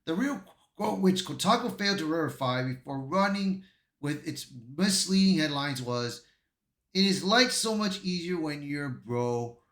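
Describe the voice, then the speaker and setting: A man's voice: on the high side, lively intonation, a little slow, a bit bright. A man giving casual online commentary and reading aloud, often stumbling over his words. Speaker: YouTube commentator. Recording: roomy, echoey voice.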